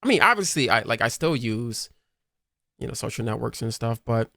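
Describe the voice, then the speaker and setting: A man of thirty co-hosting a podcast in casual chat, talking in a self-deprecating way with quick asides. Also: medium pitch, big pitch swings, creaky, pushed and bright, no room sound, studio quality. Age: 30s. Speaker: podcast co-host.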